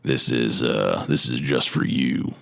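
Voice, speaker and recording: A gruff Old West outlaw drawls slowly and folksily, put on by a man. The voice sits far down, deep and rumbling. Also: a bit bright, full character voice.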